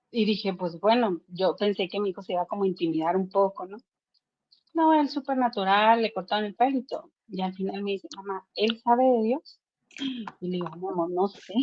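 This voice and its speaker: A woman's voice: medium pitch, muffled recording. A woman telling a story in casual chat at a book club and reading aloud, earnest, with many fillers and restarts.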